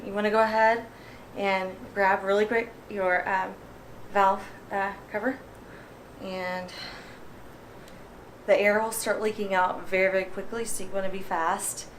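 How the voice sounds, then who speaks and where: A woman vlogger talking casually through a repair demonstration, out of breath from working a hand pump and filling pauses with ums. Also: medium pitch, flat delivery, slight background noise. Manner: chatty, many ums, pauses while pumping.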